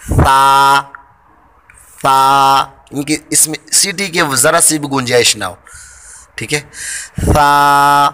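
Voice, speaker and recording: A man teaching pronunciation of Arabic letters for Quran reading. He draws out each letter sound loudly, then explains it calmly. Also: mid-range voice. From Pakistan. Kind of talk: slow, deliberate pronunciation lesson.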